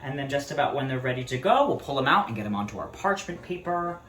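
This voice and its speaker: A man's voice: medium pitch, very animated, fast talker, fairly bright tone, echoey room. A man hosting a casual cooking demonstration in a kitchen, upbeat and chatty, calling his viewers friends. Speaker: cooking video host.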